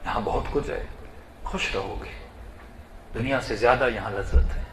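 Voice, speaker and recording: A calm, loving father speaks from beyond death, low and hushed, as a preacher puts him on. The voice is soft and soothing. It rings in an echoey hall. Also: a little hiss or hum, close to an everyday voice. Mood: gentle.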